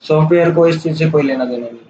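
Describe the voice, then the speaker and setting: A man giving a casual, step-by-step software tutorial over a screen recording, checking in often with the listener. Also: fairly high pitch, fast. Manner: casual, explains step by step with "theek hai" checks. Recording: roomy, dull lo-fi sound with faint hiss.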